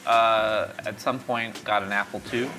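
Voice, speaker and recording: Born in Mexico and raised in East Texas, this middle-aged founder of a tech company reflects on stories in a conversational interview. He speaks unhurriedly in a low, steady voice over a noisy background.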